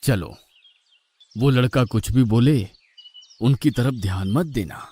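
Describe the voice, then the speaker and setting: Man voicing Rama, a calm, composed god. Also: mid-range voice, slow pace, breathy edge. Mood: calm, instructing. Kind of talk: animated devotional story acting.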